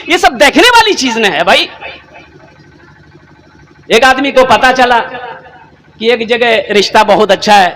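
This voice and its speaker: A male preacher from Kolkata delivering a fiery religious sermon, firing rhetorical questions and hammering points with repetition. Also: high-pitched. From Kolkata, India. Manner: rhetorical questions, emphatic repetition, sometimes shouts. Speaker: Islamic preacher.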